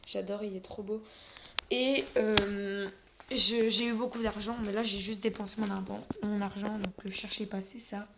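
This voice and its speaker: A woman talks her viewers through a game in a loose, casual way, pausing on fillers and often stammering on her words. Her voice sits at an ordinary middle pitch. A faint noise runs under the recording. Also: little pitch movement. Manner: hesitant, many fillers. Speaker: gaming video creator. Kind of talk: casual gameplay commentary.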